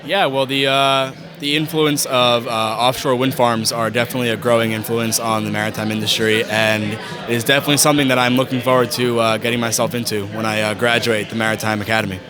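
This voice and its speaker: A young male cadet answers in a halting way, full of "uh". His voice stays level with little rise and fall. Crowd chatter fills the space around him. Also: medium pitch, level tone. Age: young adult. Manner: halting, many "uh" fillers. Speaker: college cadet. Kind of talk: casual interview answer.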